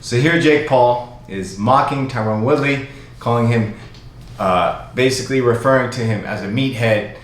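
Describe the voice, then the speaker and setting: A man's voice: medium pitch, normal speed. Man, channel host, casual commentary, repetitive recap, very echoey room. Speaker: YouTube commentator. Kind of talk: casual commentary over clips.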